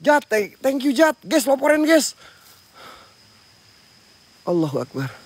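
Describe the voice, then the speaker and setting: A man's voice: extremely high pitch, sing-song, takes it slowly. A man hosting a night ghost-hunting vlog outdoors near a sacred tree, jumpy and frightened as he talks to his viewers. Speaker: paranormal explorer and host.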